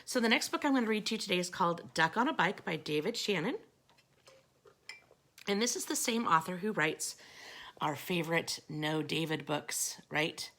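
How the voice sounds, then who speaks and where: A woman reading picture books aloud to children, with gentle, chatty asides to her young listeners. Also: lowish voice, creaky. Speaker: storytime reader.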